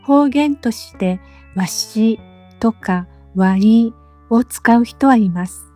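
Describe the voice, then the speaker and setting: A woman teacher giving a scripted lesson, speaking slowly and carefully with clearly spaced phrases, recorded as a voice-over. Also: on the high side, warm tone, faint music behind. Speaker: Japanese teacher.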